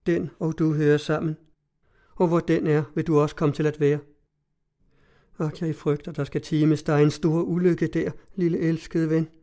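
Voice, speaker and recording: A man voicing a distraught, confused young woman in an audiobook, speaking in a soft, pleading, anxious way. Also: on the high side, little pitch movement, natural voice. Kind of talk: audiobook reading.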